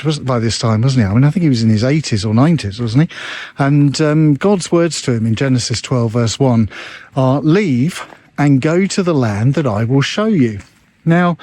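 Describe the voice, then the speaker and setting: Older male pastor, mid-pitched, slightly winded devotional talk while walking uphill, relaxed and chatty. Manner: relaxed, conversational, with frequent fillers and tag questions. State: slightly out of breath. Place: outdoors walking on hills.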